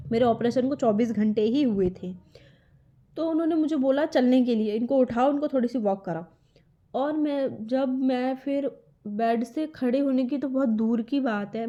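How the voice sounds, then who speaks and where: A young woman telling a personal story in a vlog, emotional and halting, often restarting her words. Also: fairly high pitch, mellow, muffled recording. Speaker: vlogger.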